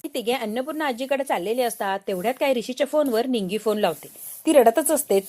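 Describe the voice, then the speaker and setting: A woman retelling a TV serial episode in a lively storytelling way. Her voice is notably high. She switches fluidly into the characters' lines. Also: fast. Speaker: serial recap narrator.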